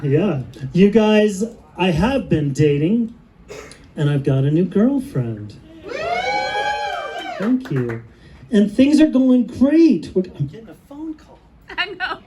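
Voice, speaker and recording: A middle-aged man performing a stand-up comedy set on stage, telling dry stories and pausing for laughs. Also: high-pitched, dark tone, poor audio. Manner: dry storytelling with pauses for laughs. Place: comedy stage with a live audience.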